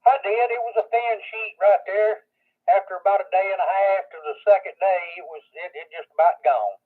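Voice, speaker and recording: A man's voice: high voice, a little fast. A man checking into a ham radio net, heard as a radio transmission with static, plainspoken and folksy. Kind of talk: casual ham radio chat. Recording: tinny narrow radio signal.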